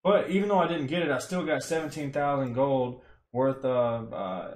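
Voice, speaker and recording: A young man streams from a room at home, casually walking through how a game farm works in a relaxed, rambling guide packed with fillers. His mid-range voice moves at normal speed, and the room sounds echoey.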